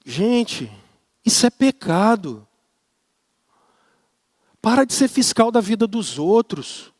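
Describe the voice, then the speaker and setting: A man's voice: very high voice, a little mellow, no echo, studio quality. A man with a Brazilian accent preaching a sermon as pastor, emphatic and repetitive, often mimicking grumbling people. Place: church service.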